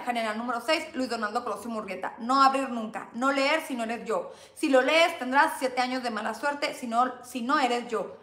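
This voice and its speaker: A woman's voice: high voice, a bit bright. A woman with a Mexican accent who chats playfully with her viewers on a livestream while reading aloud from an old diary. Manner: chatty, playful, calls viewers "chamacos" and "bebé". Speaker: YouTuber hosting a livestream.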